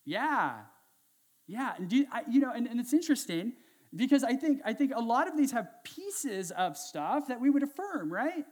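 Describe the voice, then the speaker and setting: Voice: medium pitch, big pitch swings, moderate pace, darkish tone. A pastor giving a casual, conversational sermon, asking the congregation questions and adding sarcastic, self-mocking asides.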